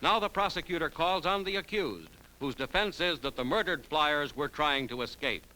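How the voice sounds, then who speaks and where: A man's voice: a little high, lively intonation, moderate pace, pushed and bright, a little hiss or hum, poor audio. A man narrating in the dramatic, formal, emphatic style of a 1940s newsreel. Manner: formal, emphatic announcer phrasing. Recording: vintage newsreel soundtrack with music behind.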